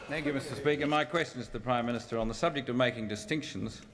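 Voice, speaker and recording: Aussie bloke mp reading out a pointed question in parliament, mid voice, big echoey room. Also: male voice, mid-range voice, rapid-fire, fairly bright tone. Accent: Australian. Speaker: member of parliament asking a question. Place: large parliamentary chamber. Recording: reverberant parliament chamber.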